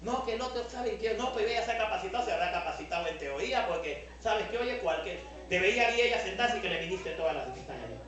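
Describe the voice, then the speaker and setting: A man with a Peruvian Spanish accent preaching a lively sermon as pastor, acting out the voices he quotes. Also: high voice, quick pace, hardly any pauses. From Peru. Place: large church hall. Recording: echoey hall, mic at a distance.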